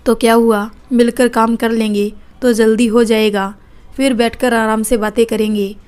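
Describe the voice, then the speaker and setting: A woman's voice: a little high, level tone, normal speed, darkish tone, close to an everyday voice. A woman voicing an outspoken, caring elder sister-in-law in a read-aloud family story. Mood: gentle. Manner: firm, reproachful.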